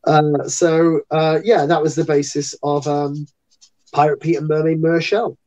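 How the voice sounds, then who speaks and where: A man's voice: a little high, flat delivery, a little slow, darkish tone, low-quality recording. A man entertainer chatting as an interview guest, a rambling, talkative storyteller. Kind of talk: casual interview chat.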